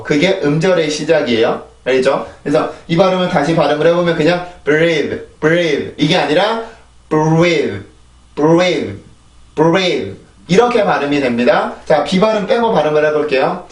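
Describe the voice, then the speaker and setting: A fairly high-voiced man whose first language is Korean teaches English pronunciation, explaining each point patiently. He repeats the drill words slowly, again and again. The sound is roomy and echoey, with his voice set a little back from the microphone. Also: far from the mic. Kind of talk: casual spoken lesson. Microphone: desk microphone, phone camera.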